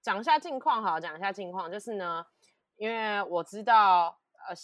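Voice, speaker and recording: A woman co-hosting a casual podcast chat, telling stories with animated, emphatic repetition. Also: mid-range voice, moderate pace, no echo, clean studio sound. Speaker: podcast co-host.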